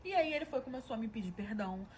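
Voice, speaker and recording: Fast-talking gossipy woman storyteller. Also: a little high, expressive, a little mellow, slight background noise. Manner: gossipy, dramatic, quotes people in changed voices. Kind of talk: casual storytelling.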